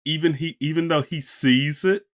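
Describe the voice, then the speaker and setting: A man co-hosting a podcast, talking casually in a halting way and repeating phrases to make his point. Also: a little high. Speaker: podcast co-host. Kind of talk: casual discussion of an animated series.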